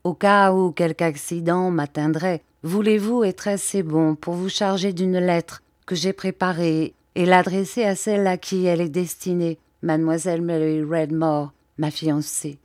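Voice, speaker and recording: A woman's voice: fairly low pitch, fairly even intonation, a little mellow, dry recording, studio quality, natural voice. A woman voicing a composed, formal English male scientist in an audiobook reading. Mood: grave. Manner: measured, formal speech.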